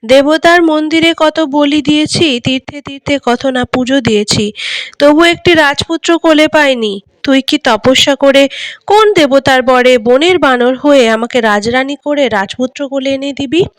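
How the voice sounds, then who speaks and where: A woman's voice: high-pitched, normal speed, dry recording, clean studio sound, close to an everyday voice. A woman voicing a grieving elder queen from a storybook, mournful and tender in her pleading.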